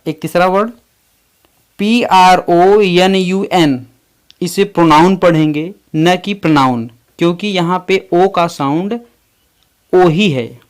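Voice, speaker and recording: A man teaching English pronunciation, spelling out words letter by letter in a slow, deliberate way. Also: high-pitched, smooth. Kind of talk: explaining English pronunciation in Hindi.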